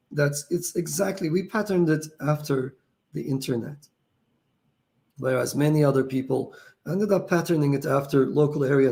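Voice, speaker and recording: Answering questions from viewers, this founder, a middle-aged man, sounds worn out and is losing his voice. His speech is on the high side, a little mellow, with vocal fry. He talks through technical subjects informally, thinking out loud with many fillers and false starts.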